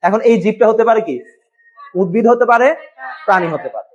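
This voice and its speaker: A man's voice: high voice, fairly quick, muffled recording. A man teaching a biology class at a board, asking questions and answering them himself, and spelling words out. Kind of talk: classroom lesson.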